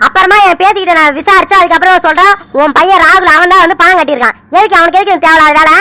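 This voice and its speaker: A woman's voice: extremely high pitch, very fast, sharp tone. A woman voicing an angry, stubborn old grandfather in a cartoon serial who scolds and barks demands. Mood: scolding. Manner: scolding, keeps barking "ah?" demands.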